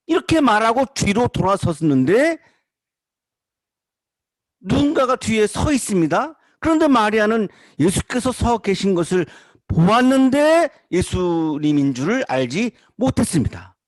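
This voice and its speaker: A man's voice: sits high, big pitch swings, measured pace, no room sound. A man preaching a sermon, building emphasis through repeated rhetorical questions. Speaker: pastor.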